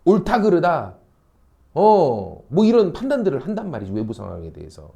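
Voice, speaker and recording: Animated male teacher with a lively pitch. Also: normal speed, vocal fry, dull audio. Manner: animated, asks students frequent check questions. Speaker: academy teacher. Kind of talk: lecture to high school students. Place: classroom.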